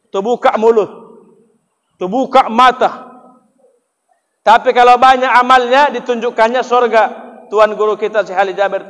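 A man's voice: high voice, fairly bright tone, in a large hall. A man with a North Sumatran Indonesian accent, preaching a dramatic mosque sermon to youths and acting out the voices of the dead and of angels. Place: mosque hall.

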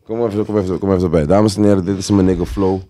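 A man hosting a podcast, telling stories in a casual, animated way full of street slang. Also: low voice, very fast. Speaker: podcast host. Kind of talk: casual chat.

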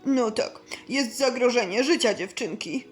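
A steady male doctor who calms worried patients, as a woman puts him on. The voice is pushed well down from her own high pitch and stays slow and soothing. Light music hums faintly in the background. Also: lightly acted. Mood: calm, reassuring. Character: calm reassuring male hospital doctor.

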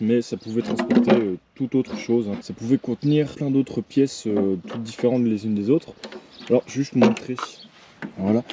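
Male collector, relaxed vlog delivery, stop-start phrasing, noisy take with clicks. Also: medium pitch. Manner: hesitant, many fillers and restarts. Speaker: militaria collector. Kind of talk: casual show-and-tell vlog. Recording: clear background noise with clicks.

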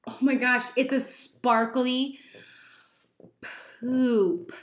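Young woman unboxing toys, gushy and rambly, kinda high voice, echoey room. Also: steady tone, drawn-out words. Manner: chatty and giddy, lots of "like" and little gasps. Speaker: toy unboxing vlogger. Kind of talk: casual unboxing chat.

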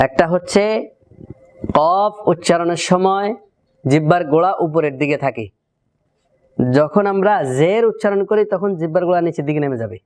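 A man with a Bangladeshi Bengali accent teaching Quranic letter pronunciation step by step, slowly drilling each syllable. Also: fairly high pitch, a little mellow. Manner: slow, drawn-out drilling of syllables.

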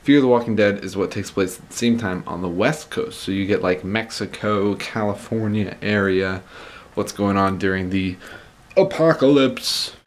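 A man's voice: lowish voice, steady tone, moderate pace. A young man talking in a casual, conversational vlog style, leaning on words for emphasis, recorded at arm's length in a room at home. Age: young adult. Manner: conversational, emphatic repetition for stress. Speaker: vlogger. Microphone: camera at arm's length.

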